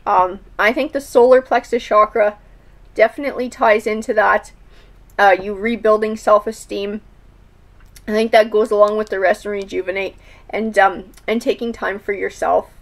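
A woman's voice: medium pitch, fairly even intonation, moderate pace. A woman doing a tarot reading, speaking thoughtfully with frequent fillers and restarts. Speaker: tarot reader.

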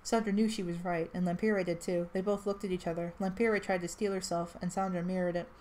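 A woman's voice: lowish voice, level tone, fairly quick, darkish tone, a little hiss or hum. A woman reading a fan story aloud in a casual way, with restarts and chatty asides. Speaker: reader. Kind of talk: amateur fan-fiction read-aloud.

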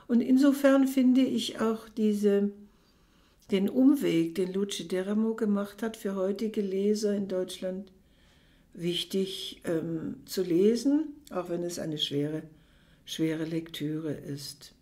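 A woman speaks slowly and thoughtfully as she presents a book, pausing often to find her words. Her voice sits at a middle pitch, and her reading keeps the same unhurried pace. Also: dark tone. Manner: thoughtful, hesitant, many pauses. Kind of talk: book talk and reading aloud.

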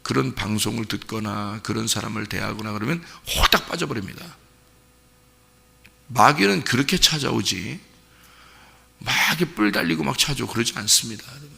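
A middle-aged male pastor giving a dawn service sermon in a church sanctuary, animated and vivid, often putting direct questions to the congregation. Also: medium pitch, gravelly, slightly rough. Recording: long church reverb.

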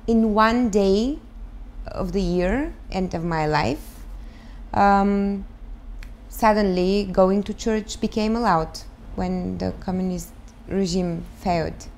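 A woman in her thirties from Bulgaria, speaking English with a Bulgarian accent, answering interview questions thoughtfully and pausing to search for words. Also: medium pitch, a little mellow. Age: 30s. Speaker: guest, start-up founder. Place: living room, on a sofa.

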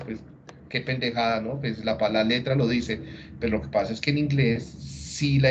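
A man giving a class lecture, explaining step by step, often pausing to check in with his listeners and rephrasing himself as he goes. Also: medium pitch, slight background noise. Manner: restarts and rephrases mid-sentence. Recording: dull lo-fi audio.

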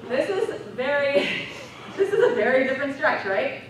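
Casting: calm female yoga instructor, bright high voice, far from the mic in a huge echoing hall, faint background hiss. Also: normal speed. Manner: calm step-by-step cueing. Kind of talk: live class instruction. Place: large convention hall. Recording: echoey hall, distant mic.

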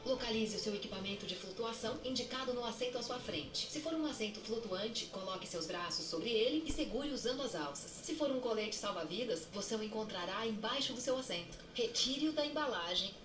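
A woman with a Brazilian Portuguese accent reads an in-flight safety announcement over the aircraft cabin PA in a formal, measured way. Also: a little high, expressive. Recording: echoey PA, distant, music behind.

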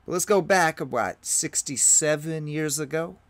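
A middle-aged man hosts a travel vlog outdoors at a small-town baseball field, narrating to camera about music history and speaking enthusiastically to his viewers. His voice is on the high side at a moderate pace, recorded dry amid outdoor ambient noise and passing vehicles.

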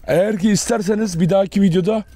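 A man's voice: high voice, fairly even intonation, fast, warm tone, no room sound. A young man talking casually to his viewers as a dog owner, chatty and direct, breaking off for short firm commands to his dogs outdoors. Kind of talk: casual talk to viewers while handling dogs.

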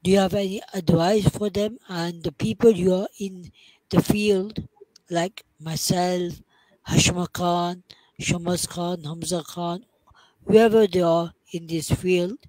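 A man's voice: sits high, steady tone, slow pace, a little mellow, no room sound, poor audio. A young man hosting an interview, putting his questions together piece by piece with some hesitation. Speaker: interviewer, host. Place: small room indoors on a video call. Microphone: headset mic.

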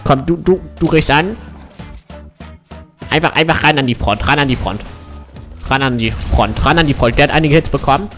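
A man playing an old war veteran grandpa who chats fondly and excitedly while gaming, with old-fashioned endearments. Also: a little high, normal speed, long pauses, soft background music, natural voice. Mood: excited, urging. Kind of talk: in-character prank chat while gaming.

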